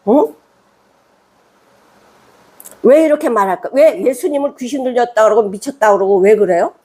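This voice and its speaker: Husky-voiced woman pastor preaching. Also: on the high side, fast talker, a little mellow. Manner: conversational preaching with rhetorical questions; reads scripture aloud, then explains it in plain speech. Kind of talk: sermon.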